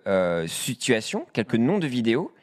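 A man's voice: mid-range voice, huge pitch swings, normal speed. A man in his thirties from Brittany chatting casually and explaining a game. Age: 30s. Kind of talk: casual chat.

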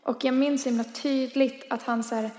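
A woman's voice: high-pitched, level tone, a little mellow. A woman in her twenties telling a personal story in a chatty way, full of fillers and acted-out dialogue. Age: 20s. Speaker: podcast co-host. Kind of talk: casual storytelling.

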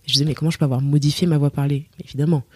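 A woman's voice: sits low, steady tone, very fast, dark tone, slightly rough, dry recording, clean studio sound. A woman from Cameroon, a singer, telling her story in a casual interview and acting out the voices she quotes. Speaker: singer, podcast guest.

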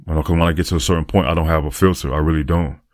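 A man's voice: very deep voice, steady tone, rapid-fire, no room sound, clean studio sound. A man talking through a reflective, earnest podcast monologue, repeating phrases for emphasis. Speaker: podcaster and aspiring motivational speaker.

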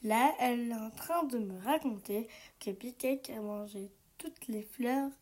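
A woman's voice: fairly high pitch, measured pace, darkish tone. A woman voicing a brave, cheerful little mountain girl in a storybook reading, explaining things in an encouraging way.

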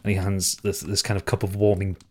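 A man's voice: deep voice, little pitch movement, brisk, warm tone. A man narrating as game master of a tabletop game, loose and full of fillers and restarts.

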